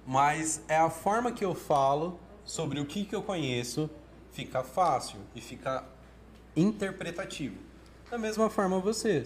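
A man with a Brazilian Portuguese accent and a slightly high voice coaches casually as an oratory teacher. Lively and prone to frequent restarts, he acts out the thoughts he quotes, and there's slight background noise.

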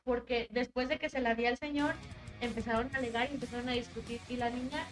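A woman with a Mexican Spanish accent tells a story in casual, slangy chat. Her voice sits high. Guitar music plays clearly behind her. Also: quick pace, rough recording. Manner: animated anecdote telling with slang.

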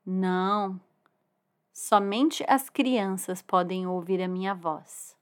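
A woman voicing a kind, timid dragon in a children's story, speaking gently. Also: mid-range voice, fairly even intonation, slow, close to an everyday voice. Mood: gentle.

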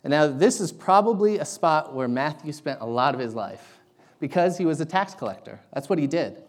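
A young man preaching a sermon in a casual, halting way with lots of ums, his voice carrying an echoey big-room sound. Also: fairly high pitch, animated. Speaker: guest preacher.

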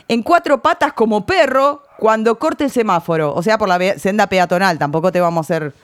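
A woman's voice: medium pitch, animated, a little fast. A woman with an Argentine Spanish accent who hosts a party game among friends and reads quotes aloud. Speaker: host reading game phrases. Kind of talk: casual chat among friends.

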